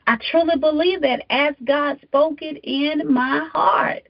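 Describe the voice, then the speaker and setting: A woman's voice: sits high, steady tone, takes it slowly, vocal fry, lo-fi sound. A woman preacher delivering an emphatic, exhorting sermon, repeating phrases for effect.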